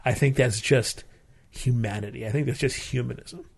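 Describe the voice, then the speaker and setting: A man's voice: medium pitch, normal speed, vocal fry, a little mellow, breathy edge. A man co-hosting a show, giving his opinions in casual chat and repeating phrases for emphasis. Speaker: podcast co-host.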